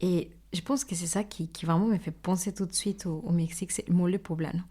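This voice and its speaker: A woman's voice: lowish voice, steady tone, a little fast, mellow. A woman, a guest baker talking casually in an interview, often searching for words and restarting. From Mexico. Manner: searching for words, many small fillers and restarts.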